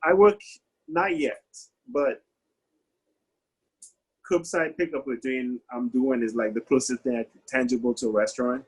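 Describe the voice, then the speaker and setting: A man's voice: medium pitch, moderate pace, pauses often, husky, low-quality recording. A man from the Caribbean, a chef, talking eagerly on a video call panel, often restarting his phrases.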